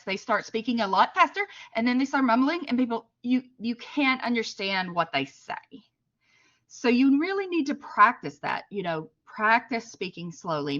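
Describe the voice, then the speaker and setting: A woman with a Southern US accent giving a chatty, unhurried webinar presentation, with many fillers. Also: mid-range voice, pushed and bright, lo-fi sound. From American South. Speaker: library trainer. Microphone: computer mic at a desk.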